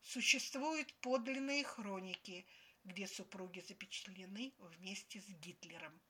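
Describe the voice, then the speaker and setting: A woman's voice: mid-range voice, measured pace, bright, forceful tone, slight background noise. A woman expressively reading a first-person story aloud. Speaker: story reader.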